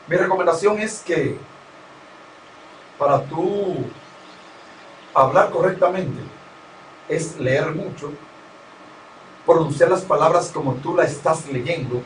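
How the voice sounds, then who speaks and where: Male announcer guest, lecturing tone, slightly high voice, distant echoey mic. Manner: didactic, lists points and gives advice. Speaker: professional radio announcer, interview guest. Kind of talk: conversational interview. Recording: roomy, distant mic with faint noise.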